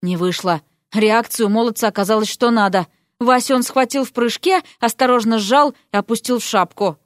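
A woman narrating a fairy-tale audiobook in a lively, playful way. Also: fairly high pitch, a little fast, no echo, clean studio sound.

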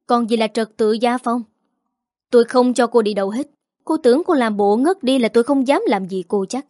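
A woman's voice: on the high side, moderate pace, warm tone, no room sound, clean studio sound, natural voice. A woman reading a storybook voices a harsh older mother-in-law who scolds in a biting, accusing tone. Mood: scolding.

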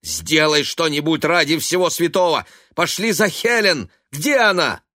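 A man's voice: mid-range voice, sing-song, drawn-out words, bright, forceful tone, dry recording, studio quality, pitched above the performer's own voice, full character voice. A man voicing a young adult son who urgently pleads with his drunk father and his mother. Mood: pleading.

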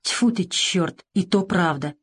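A jumpy, spiteful convict, as a woman narrator voices him, snapping his words out. The voice is husky and slightly raised. Audiobook reading with light acting. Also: on the low side, slow pace. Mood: gruff. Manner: snappish and hissing.

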